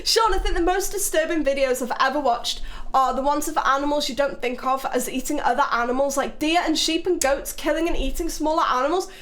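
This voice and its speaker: A woman's voice: high-pitched, fairly quick, a bit bright. A young English woman hosting a live stream, chatting casually with her chat, swearing freely and teasing people in a playful way. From England. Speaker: livestream host.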